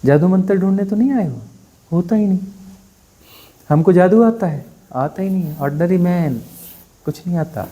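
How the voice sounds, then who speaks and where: Guy teaching at a satsang, kinda high but soft warm voice, blunt, keeps going "right?". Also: normal speed, pauses often. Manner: conversational, keeps asking "है ना?" for assent; blunt and dismissive, mocking. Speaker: spiritual teacher. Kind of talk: satsang discourse.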